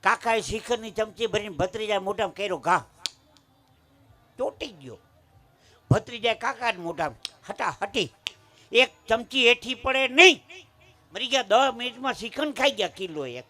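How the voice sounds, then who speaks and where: A man's voice: high-pitched, expressive, fairly quick, pushed and bright. A man from Saurashtra with a Kathiawadi accent, telling folk jokes and stories live on a village stage, punching his lines and acting out the quoted voices. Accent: Kathiawadi Gujarati. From Saurashtra, Gujarat. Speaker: folk storyteller and humorist. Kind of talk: live folk comedy storytelling.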